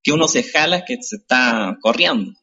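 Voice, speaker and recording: A man's voice: mid-range voice, lively intonation, moderate pace, bright, forceful tone, breathy edge, highs cut off. A man with a Chilean accent, a guest in casual podcast chat, explaining things loosely and laughing.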